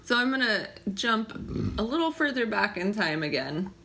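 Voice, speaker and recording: A woman co-hosting a casual podcast, chatty and quick to laugh as she walks through her notes. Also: medium pitch. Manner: giggly, animated, laughs often. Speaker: podcast co-host. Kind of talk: casual chat.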